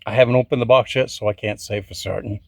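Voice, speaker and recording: A man's voice: on the low side, steady tone, quick pace, gravelly. A man hosting his own garage vlog, talking casually and joking at his own puns. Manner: chatty, self-mocking about puns. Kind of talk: casual workshop walkthrough.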